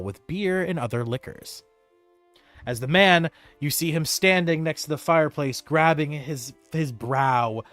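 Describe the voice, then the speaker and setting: A man's voice: mid-range voice, fairly bright tone, dry recording. A man working as game master, improvising narration for a tabletop role-playing game.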